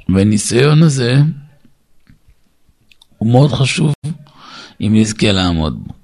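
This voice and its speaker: A man, a rabbi, giving a Torah lesson in a storytelling way, asking and answering his own questions and rising high and loud to stress points. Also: creaky, slightly rough. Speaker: rabbi teaching a class.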